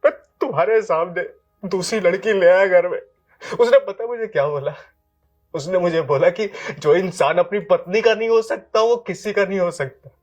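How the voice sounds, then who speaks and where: An actor as a sobbing, begging husband. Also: male voice, high voice, moderate pace, a little mellow. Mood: self-loathing. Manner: stammering, pleading, sobbing. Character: remorseful husband begging his estranged wife. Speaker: actor in a short drama. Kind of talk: melodramatic acting. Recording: faint music behind.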